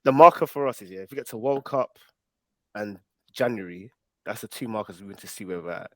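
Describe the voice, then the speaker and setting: Fast-talking young football fan. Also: male voice, on the low side, no echo. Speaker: Arsenal fan pundit. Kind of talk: casual football chat.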